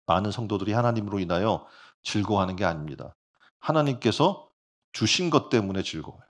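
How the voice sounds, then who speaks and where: A male pastor preaching a sermon in an animated way, often putting rhetorical questions to the congregation. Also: on the low side, a little fast.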